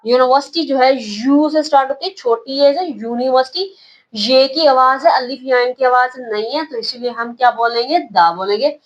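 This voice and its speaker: A woman's voice: high voice, normal speed, muffled recording. A woman with a Pakistani accent teaching English pronunciation, patiently repeating words and quizzing her students. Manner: patient, repeats words and asks questions back. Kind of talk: classroom-style lesson.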